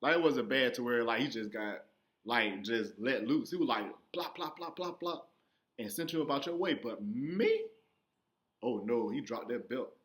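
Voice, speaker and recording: A young man telling a profane stand-up story, acting out his younger self in sudden high squeaky voices. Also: animated, moderate pace. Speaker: stand-up comedian.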